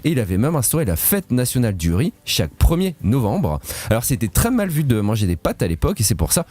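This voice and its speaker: Male quiz columnist, animated pitch, jokey and punning, radio studio. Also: fast talker, no room sound. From Switzerland. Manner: playful, punning, laughs at his own jokes. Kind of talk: radio fun-facts quiz segment.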